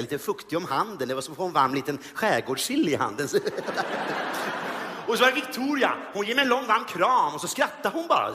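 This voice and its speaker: A man performing a live stand-up comedy monologue, telling self-mocking stories in an animated way. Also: high-pitched. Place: large theater stage. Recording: hall reverb on a live stage.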